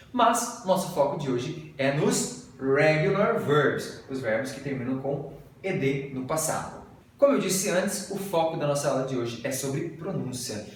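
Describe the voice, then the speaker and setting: A Brazilian man teaching English in a video lesson patiently drills his students on pronunciation, speaking with a Brazilian Portuguese accent. His voice is a little high and sounds off-mic and distant in a very echoey room.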